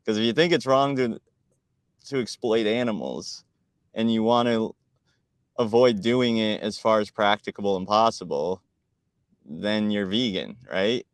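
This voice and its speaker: A man's voice: lowish voice, a little slow, pauses often, no echo. A man co-hosting a live stream, chatting casually, talkative and argumentative, often laughing and restarting his words.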